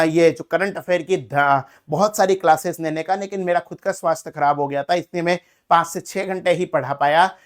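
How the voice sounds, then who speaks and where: Chatty young teacher with a lilt. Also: male voice, high voice. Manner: conversational, repeats "theek hai" as a filler. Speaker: exam coaching teacher. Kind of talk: casual exam-analysis lesson.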